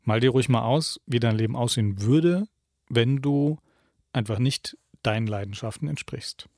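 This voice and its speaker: A man giving a reflective self-help talk, calmly putting questions straight to the listener. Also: mid-range voice, moderate pace, no echo, studio quality. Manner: calm, addresses the listener directly with questions.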